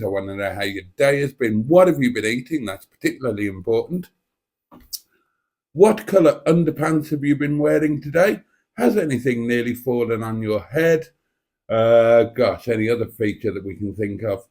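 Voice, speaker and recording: A man's voice: mid-range voice, lively intonation, normal speed, a little mellow. Chatty, theatrical man hosting a livestream. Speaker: livestream host. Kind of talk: casual chat to live viewers.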